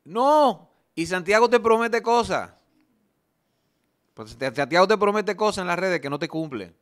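Lively animated man. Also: high voice, moderate pace. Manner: animated, exclamatory, swears often. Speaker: panelist. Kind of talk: entertainment gossip talk.

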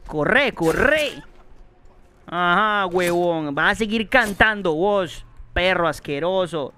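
A young man giving excitable, swear-filled commentary while streaming a game, yelling when scared. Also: sits high, takes it slowly, clean tone. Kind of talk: let's play commentary.

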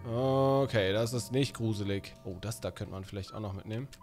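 Man, gaming commentary, excitable, slangy banter, faint music behind. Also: lowish voice, fast talker. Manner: excitable, talks to the game baby in slangy banter. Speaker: gaming YouTuber. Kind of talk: casual let's-play commentary.

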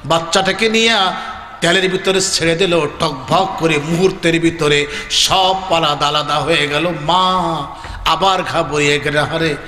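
A man from Bangladesh preaching a sermon as a chanted story, rising into high shouted, sing-song climaxes. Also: measured pace, echoey room, big-room sound.

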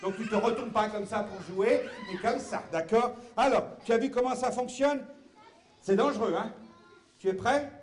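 A high-pitched man speaks at a moderate pace during a live clown show for kids. Exaggerated and playful, he shouts and trades banter with the crowd, while the echoey hall fills with clapping and children's noise.

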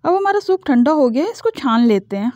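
A woman talks through a home recipe in a calm, instructional voice-over. Her voice sits high but has a mellow tone. The recording is dry and a little dull, like a lo-fi home take. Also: fairly quick, no room sound. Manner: calm, instructional, explains each step. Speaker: cooking channel host. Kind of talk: step-by-step cooking voice-over.

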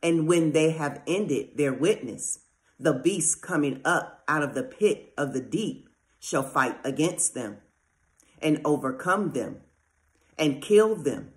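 Slow, solemn scripture reader. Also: mid-range voice, animated. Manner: slow, solemn, deliberate delivery. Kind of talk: measured scripture reading.

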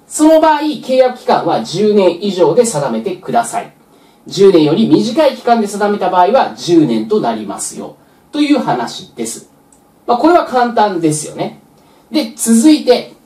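Female exam tutor, animated intonation, explains patiently step by step; recorded off-mic in an echoey room. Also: medium pitch. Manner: patient, step-by-step, frequent filler "まあ". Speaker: real estate exam tutor. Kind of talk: explanatory lecture. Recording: roomy echo, distant mic.

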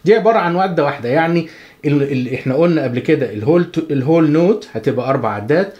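A man with an Egyptian Arabic accent giving a chatty, joking guitar lesson, counting the beats out loud. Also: fairly high pitch, lively intonation, very fast, highs cut off. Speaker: guitar teacher. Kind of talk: casual spoken music lesson.

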